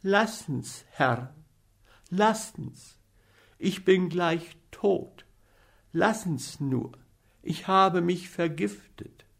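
A man's voice: sits high, takes it slowly, vocal fry, pitched above the performer's own voice, exaggerated voice. A man voicing a whiny, gluttonous young male servant in a storybook reading, plaintive and pleading. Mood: feeble pleading.

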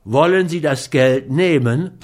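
A man voicing a stern, forceful man who gives orders and threats in a loud, firm voice. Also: a little high, takes it slowly. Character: commanding, stern adult man, mining expert.

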